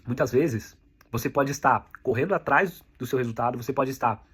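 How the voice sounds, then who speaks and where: A man's voice: medium pitch, fairly quick, fairly bright tone, breathy edge. A man with a Brazilian Portuguese accent teaching an online sales lesson, speaking directly to the viewer and repeating key points so they can be noted down. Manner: direct, repetitive coaching, addresses the viewer as you. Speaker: sales instructor.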